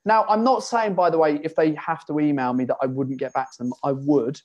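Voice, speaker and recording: A man with a voice pitched a little on the high side, talking as an online fitness coach. He tells animated stories, slips into his clients' voices to act out conversations, and swears freely while giving casual, frank advice. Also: brisk, highs cut off.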